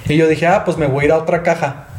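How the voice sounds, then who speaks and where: A young man rattles through a childhood story at high speed, his voice a touch above the usual male pitch. He rambles and laughs at himself, and the room gives a noticeable echo. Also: fairly even intonation, quick pace, a little hiss or hum. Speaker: podcast co-host. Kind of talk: casual storytelling among friends.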